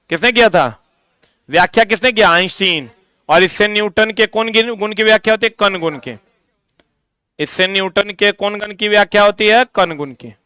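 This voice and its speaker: A male teacher leads a physics lesson, asking questions and slowly repeating the answers for students to write down. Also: sits high, bright, forceful tone, clear, resonant tone, dry recording. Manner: drifts into stern ranting.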